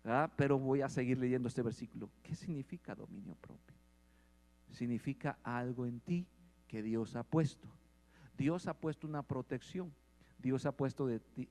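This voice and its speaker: A man preaching a sermon, asking the congregation questions and growing louder at points. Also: a little high. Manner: asks the congregation questions and swells in volume. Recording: long hall reverb.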